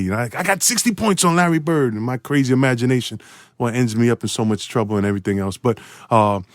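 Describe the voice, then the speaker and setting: Laughing a lot and breaking into high, excited voices, a forty-something podcast guest spins a lively story. The recording is dry and of studio quality.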